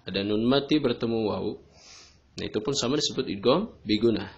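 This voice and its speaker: A man's voice: lowish voice, fairly quick, gravelly. Patient man teaching Quran recitation. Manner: patient, repeats "nah, gitu ya" often. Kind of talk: tajweed lesson explanation. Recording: dull lo-fi recording.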